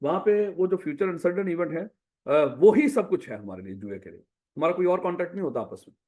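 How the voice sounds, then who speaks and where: Lively man teaching class. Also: high voice, fast talker, slightly rough. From Pakistan. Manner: lively, asks the class questions and answers them himself; calls students "my child". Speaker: business law teacher. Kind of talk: classroom revision lecture.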